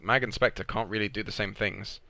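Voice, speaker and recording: A man's voice: fairly low pitch, fairly even intonation, gravelly, sharp tone, a little hiss or hum. A man co-casting a live esports match, blunt and swearing casually. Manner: blunt, fast, sweary co-commentator. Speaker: esports caster. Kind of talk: live game commentary.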